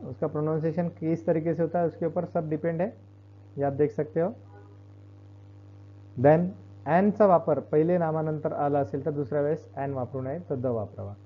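A man teaching English grammar in a classroom-style lesson, explaining slowly and repeating each point. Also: on the high side, a little hiss or hum. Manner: explains slowly, repeats points, switches between Hindi and Marathi. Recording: dull lo-fi recording.

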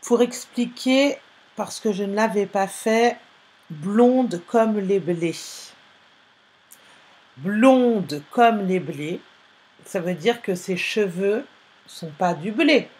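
A woman teacher giving a spelling dictation to young pupils, repeating each word and spelling it out letter by letter. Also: mid-range voice. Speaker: primary school teacher.

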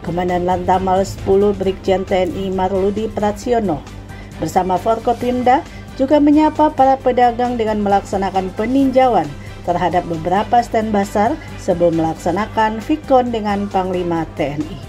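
A woman narrating a regional news report in an even, formal reading voice. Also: medium pitch, moderate pace, faint music behind. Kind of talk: scripted news voice-over.

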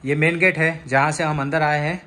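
Slightly high, bright and forceful, his voice moves at a fairly quick pace with fairly even intonation, over slight background noise. The Indian vlogger, in his thirties and raised in Rajasthan, chats casually while guiding viewers room by room through his apartment on a handheld phone in a house tour vlog.

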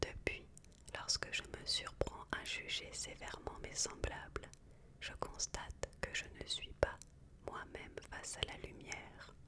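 Slow library whisper reading a book. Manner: soft, hushed library whisper; slow, measured reading with pauses.

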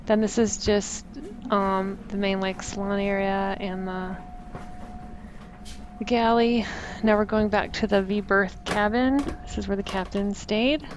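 Woman vlogger, casual voice-over, wry and self-deprecating, flat even delivery over a steady hiss of noise. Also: medium pitch, measured pace. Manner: chatty, self-mocking.

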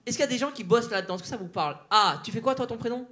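A male stand-up comedian doing crowd work on stage, teasing audience members with quick banter. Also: very high voice. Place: theater stage before a live audience. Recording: live show with loud audience laughter and noise.

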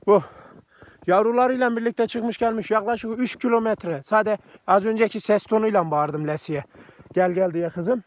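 A Turkish village farmer vlogging casually outdoors in the snow while he walks, chatting to the camera and praising his dogs. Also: high-pitched. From Turkey. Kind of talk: casual walking vlog. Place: outdoors in snowy countryside.

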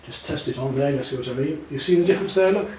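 Speaking fast, in a slightly mellow voice on the high side, a man in his 60s patiently instructs a student in painting, offering reassurance at every step. The lesson is hands-on, inside a home living room. The camera a few feet away gives a roomy, distant recording with background noise.

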